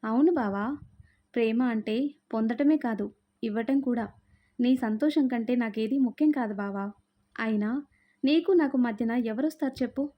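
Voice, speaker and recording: A woman's voice: fairly high pitch, moderate pace, long pauses, lightly acted. A woman voicing an innocent, loving young wife who talks in a pleading, affectionate way. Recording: dull lo-fi sound.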